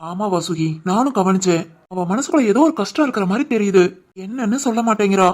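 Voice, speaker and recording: A woman voicing a thoughtful young husband in an animated family drama, quiet and agreeable. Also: medium pitch, brisk, natural voice. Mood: concerned.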